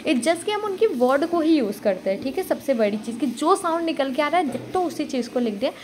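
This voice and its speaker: A woman's voice: high-pitched, very animated, a little fast, darkish tone, a little hiss or hum. A woman tutor giving a casual exam-prep lecture, talking freely, checking in with "okay" again and again, and mixing English terms into Hindi. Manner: talkative, repeats "okay" often, mixes English into Hindi.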